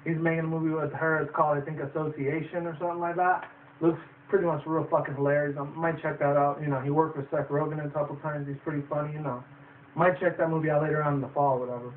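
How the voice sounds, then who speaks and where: A man's voice: on the high side, little pitch movement, quick pace. A young man giving a loose, profane, rambling movie review. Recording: distant tinny phone-like audio with faint noise.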